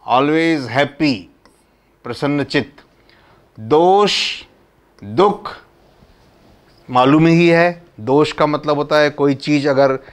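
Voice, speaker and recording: Man, measured devotional teacher, very unhurried delivery, repeats each word's meaning. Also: mid-range voice, clean tone. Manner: recites verses, then explains each word slowly and repeats it. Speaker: religious teacher explaining a hymn. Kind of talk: slow devotional explanation.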